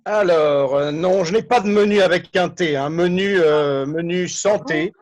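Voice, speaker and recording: A man with a fairly high voice plays the word judge on a homemade game show over a video call. He teases and heckles the host in quick, casual banter. When he rules on a word he reads its meaning out plainly.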